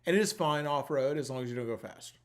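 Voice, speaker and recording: A man hosts a livestream giveaway with an average-pitched voice. He talks casually and loosely, rambling from one thought to the next and swearing freely. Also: expressive, quick pace. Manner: sweary, informal, colloquial.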